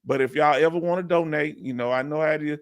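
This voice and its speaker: A middle-aged man with a Houston, Texas accent chats casually with viewers on a live Q&A stream. He talks in a relaxed, rambling way and laughs easily, and his voice sits a bit higher than most men's. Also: fast talker. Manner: laid-back, chatty, laughs often. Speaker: livestream host.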